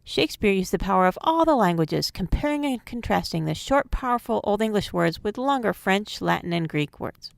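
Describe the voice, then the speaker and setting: A woman giving a scripted phonics lesson, speaking in a clear, measured teaching manner. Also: medium pitch, expressive, no echo, clean studio sound. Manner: clear, measured instructional delivery.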